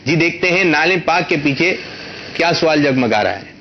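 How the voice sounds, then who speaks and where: A fairly high-voiced man hosts a children's quiz, coaxing and patient, drawing words out slowly so the kids can follow. The sound is dull and muffled, as if from an old broadcast, with a faint hiss underneath. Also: expressive. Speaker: quiz show host for children. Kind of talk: hosting a studio quiz.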